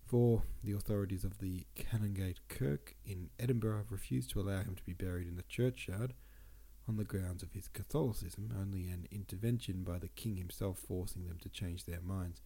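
A man whose voice sits low reads old poems aloud at a moderate pace as a podcast host. Between lines he chats casually about them in relaxed asides, all while sounding congested and sniffly.

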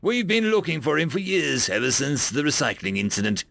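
A brisk, demanding starship commander, as a male narrator puts him on. His voice rides a little high and gravelly in a dry, close reading. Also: very animated, a bit bright, no room sound, heavily acted.

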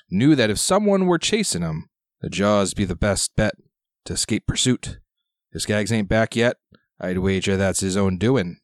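Guy putting on a gruff old fisherman pirate, chatty and knowing, lowish voice, tabletop game, really dry sound. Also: dry recording, lightly acted.

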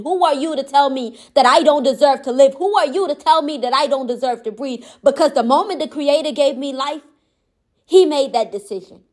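Woman, high voice, impassioned motivational monologue, gentle but firm delivery. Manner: impassioned, repetitive emphatic phrasing.

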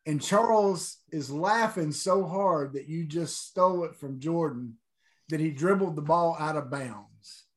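A man's voice: on the high side, measured pace. A man hosting a casual sports interview, talking like an enthusiastic fan. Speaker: interview host.

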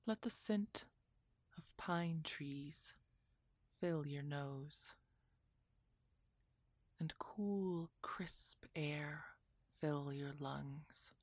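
Slow, low, soft half-whispering woman guiding meditation. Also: no echo. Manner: soft, breathy, soothing delivery that often drops into a whisper. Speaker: guided meditation narrator. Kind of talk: guided relaxation meditation, scripted narration.

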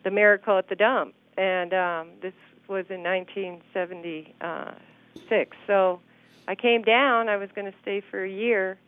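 A woman in her sixties from Arizona, recalling her years of mission work in an unhurried way, pausing with many ums. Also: mid-range voice, steady tone, no room sound. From Phoenix, Arizona, USA. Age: 60s. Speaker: longtime mission worker. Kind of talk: casual interview, personal story. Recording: narrow phone-like sound.

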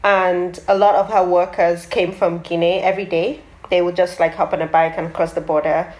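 Woman artist with a low voice, roomy sound. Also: little pitch movement, normal speed, a little mellow. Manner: thoughtful, with frequent fillers and restarts. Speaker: interviewee, artist behind a photography project. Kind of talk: casual interview talk.

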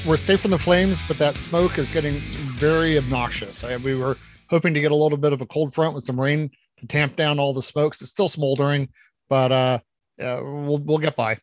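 A man's voice: a little high, fairly even intonation, moderate pace, faint music behind. A man chatting casually as a podcast co-host. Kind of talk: casual chat.

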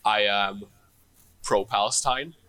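A young man from Israel talks in a casual discussion, careful and hesitant, filling pauses with ums. His voice is low but bright and sharp-edged. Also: no echo. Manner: measured, hesitant, many fillers.

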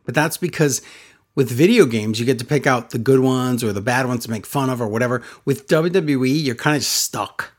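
A man hosts a casual podcast in a playful, salesy voice, talking up listener perks with mock enthusiasm. His voice sits at an ordinary middle pitch for a man. His delivery is loose and joking. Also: fairly quick. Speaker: podcast host.

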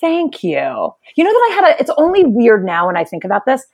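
A woman with a New York accent and a raspy chain-smoker voice, chatting casually and jokingly as a comedian guest. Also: fairly high pitch, huge pitch swings, a little fast, darkish tone. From Brooklyn, New York, United States. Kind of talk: casual chat.

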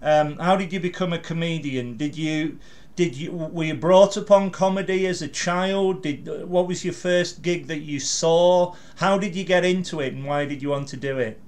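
A man's voice: fairly high pitch, moderate pace, darkish tone. A man in his sixties hosting an interview over a video call, eager and hesitant, with many fillers. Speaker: interviewer, blogger. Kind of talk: interview host.

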